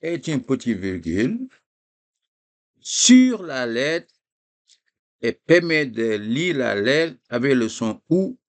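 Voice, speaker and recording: Slow, lively-voiced man teaching Arabic letters. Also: medium pitch. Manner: slow, repeats syllables for students to echo; addresses listeners as "les gars". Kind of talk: screen-shared lesson.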